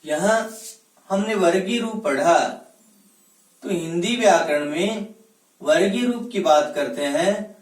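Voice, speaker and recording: A high-voiced man teaching a grammar lesson, asking questions and answering them himself. His voice sounds a bit distant from the mic, in an echoey room. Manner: spells out letters slowly one by one. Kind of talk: classroom lecture.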